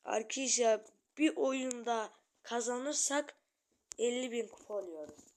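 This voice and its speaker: A woman giving excited live gameplay commentary as a channel host, talking to her viewers and yelling taunts at opponents. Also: a little high, unhurried, noisy background.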